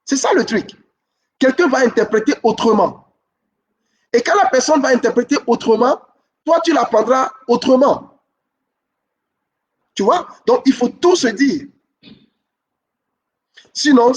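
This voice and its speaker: A man giving relationship advice to camera, repeating his key points and often checking in with a quick "ok?". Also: very high voice, animated, distant mic.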